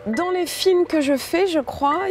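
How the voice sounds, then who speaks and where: A woman's voice: very high-pitched, unhurried, over music. A woman film director talking in an interview, thoughtful and informal, with frequent hesitations and restarts. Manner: informal, addresses listener with "tu vois". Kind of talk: interview about her film.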